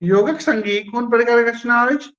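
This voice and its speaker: A man's voice: very high voice, moderate pace, a bit bright, highs cut off. A male teacher running a live online quiz class, repeating each question and its options and praising students by name.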